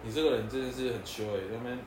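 A man's voice: mid-range voice, rapid-fire, a little mellow, recorded from a distance. A man in his twenties with a Taiwanese Mandarin accent, co-hosting a casual podcast chat; he talks frankly and asks a lot of questions. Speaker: podcast co-host. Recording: echoey room, faint noise.

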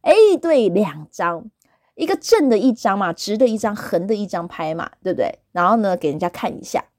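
A woman tells casual stories as a podcast host, and her pitch swings widely as she acts out the people she quotes. The recording is dry and close, with no room echo. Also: normal speed. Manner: animated, acts out quoted voices. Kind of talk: casual storytelling.

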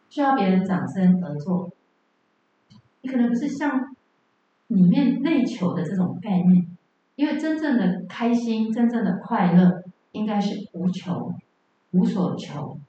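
A woman's voice: mid-range voice, mellow, a little hiss or hum. A woman teaching Buddhism in a lecture hall, telling stories and asking the audience rhetorical questions. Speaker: dharma teacher. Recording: dull, echoey, from far off.

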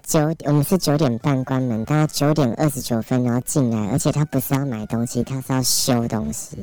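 A woman speaking as a podcast guest, with an extremely low, smooth and resonant voice. Her tone is dark and mellow as she tells her story plainly. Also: a little fast, faint music behind. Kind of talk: casual anecdote.

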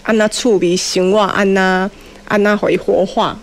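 Here a community college teacher, a middle-aged woman with a Taiwanese Mandarin accent, guests on a show and chats her way through explanations. Her medium-pitched voice moves a little slowly with fairly even intonation, and she slips into Hokkien and throws in rhetorical questions.

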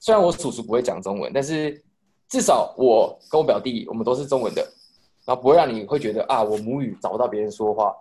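Fast-talking young Taiwanese man. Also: mid-range voice, expressive, warm tone. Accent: Taiwanese Mandarin. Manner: rapid rambling storytelling with swearing and restarts. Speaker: podcast co-host telling a story. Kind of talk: casual chat.

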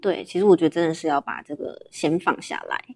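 A young woman speaks with a Taiwanese Mandarin accent in a casual interview. Her voice sits a little low for a woman. She talks in a candid, chatty way as the guest. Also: lively intonation, quick pace, a little mellow. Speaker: interview guest, livestream shopping host.

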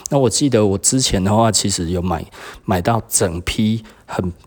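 A man's voice: fairly low pitch, moderate pace. A middle-aged man with a Taiwanese Mandarin accent, chatting casually as a podcast host and shop owner, laughing often. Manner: chatty, laughs often, quotes others in lively bursts.

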